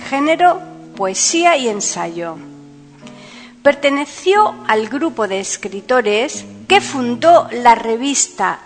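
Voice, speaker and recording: A woman presents a scripted podcast in a measured announcer's manner. Her voice is on the high side and very slow. It carries a long reverb, with guitar music playing underneath. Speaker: podcast host.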